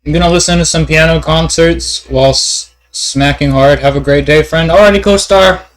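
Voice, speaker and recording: A man, a native English speaker, chatting casually as a live streamer with his viewers. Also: fairly high pitch. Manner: halting, beginner French with searching pauses when speaking French. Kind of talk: casual chat.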